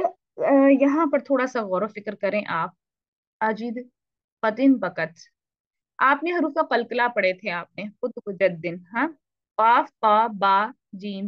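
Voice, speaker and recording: A woman teaching a recitation lesson with a Pakistani Urdu accent, patiently repeating and slowly demonstrating letter sounds. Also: a little high, no room sound, dull audio. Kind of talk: online lesson explaining tajweed.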